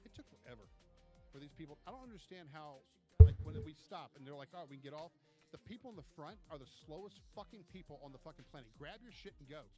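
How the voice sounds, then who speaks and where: A man telling a long trip story in casual chat, animated and profane, acting out what people said. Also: a little high, quick pace, over loud music. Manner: animated, profane, acts out quotes. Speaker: podcast co-host.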